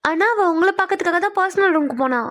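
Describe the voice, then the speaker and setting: A chatty young office girl in a cartoon, voiced by a woman, easily flustered and quick to protest. Her voice is high and she talks fast. The recording is dry and close. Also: fairly bright tone, dry recording. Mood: matter-of-fact. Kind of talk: cartoon voice acting.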